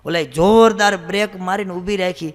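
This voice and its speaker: A man from Gujarat, a swami telling comic stories to an audience in a brisk way and acting out the characters. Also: high-pitched, a bit bright. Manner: brisk joke-telling, acts out characters' voices. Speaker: swami giving a comic religious talk. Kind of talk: humorous storytelling talk to an audience.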